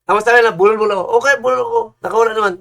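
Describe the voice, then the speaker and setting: A man preaching in a heated, combative rant, repeating himself and bursting into loud insults. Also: sits high, rapid-fire, vocal fry.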